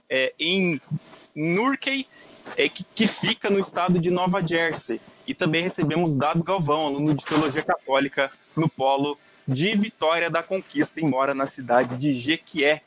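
A man with a fairly high voice hosts a radio interview program in a formal announcer manner, now and then restarting a phrase. Steady background noise sits under his voice throughout. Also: low-quality recording. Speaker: host.

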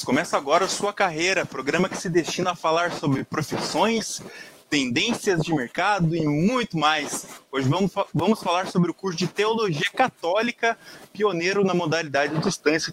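A man with a fairly high voice hosts a radio interview program in a formal announcer manner, now and then restarting a phrase. Steady background noise sits under his voice throughout. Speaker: host.

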